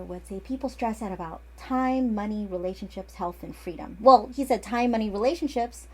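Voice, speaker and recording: A woman in her forties, an acupuncturist, giving a casual, chatty lesson that often wanders off and restarts. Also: medium pitch. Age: 40s. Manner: chatty and digressive, with frequent restarts. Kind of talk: casual instructional talk.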